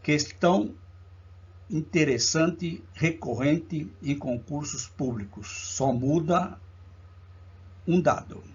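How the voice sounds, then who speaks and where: This is an exam-prep math lesson from a man whose Brazilian Portuguese accent comes through a muffled recording. His pitch is fairly high and a bit rough, and he works deliberately through each problem, saying the step count aloud as he goes.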